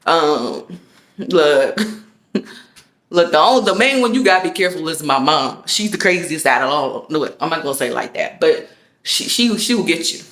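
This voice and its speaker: A woman's voice: deep voice, animated, moderate pace, a bit bright, roomy sound. A woman vlogger delivering a casual motivational rant, emphatic and slangy, repeating her phrases for effect.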